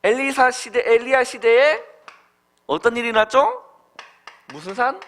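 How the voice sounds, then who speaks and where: A man preaching a Sunday school sermon to children, quizzing them with questions and swinging from loud calls to soft murmurs. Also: very high-pitched, animated, moderate pace. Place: church.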